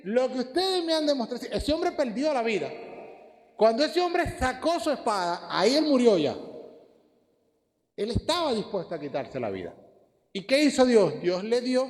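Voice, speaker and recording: Lively Dominican preacher in a reverberant church. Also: male voice, very high voice, normal speed, long pauses. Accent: Dominican Spanish. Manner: lively, rhetorical questions to the congregation. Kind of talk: sermon. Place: church hall. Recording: long church hall reverb.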